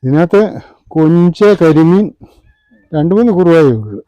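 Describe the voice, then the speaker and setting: A man's voice: a little high, expressive, unhurried, dark tone, lo-fi sound. A man casually talking through his work as a fish seller and vlog host. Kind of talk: casual vlog commentary while handling live fish. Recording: clear background noise with clicks.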